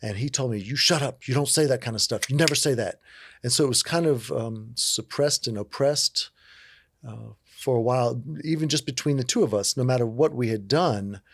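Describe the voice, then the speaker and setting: A man's voice: mid-range voice, moderate pace, no room sound. A man in his fifties from Virginia, a guest in an interview, telling his life story in a reflective, rambling way with many fillers. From Virginia, USA. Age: 50s. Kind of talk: casual storytelling.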